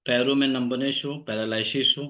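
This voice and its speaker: In an online class lecture, a man with a mid-range voice teaches acupressure, listing points and the symptoms they address. He dictates the point names slowly in a steady, instructive tone.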